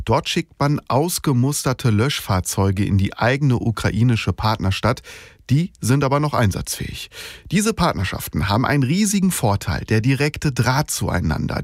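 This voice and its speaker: A man files a radio news report in a matter-of-fact, explanatory way. His voice sits at a middle pitch. The sound is dry and close. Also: no echo.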